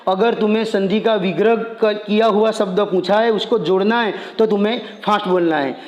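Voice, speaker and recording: High-voiced man teaching in an echoey room. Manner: stretches example words out very slowly, then says them fast; direct and plain, addressing the learner. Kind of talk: explaining a Hindi grammar lesson. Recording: echoey room with long reverb.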